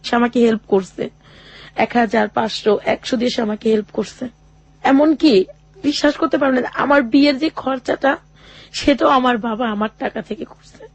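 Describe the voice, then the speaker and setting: Speaking a little high and without any echo, a woman shares her own hard life story as an interview guest. Her delivery is earnest and halting, peppered with quotes of what others told her.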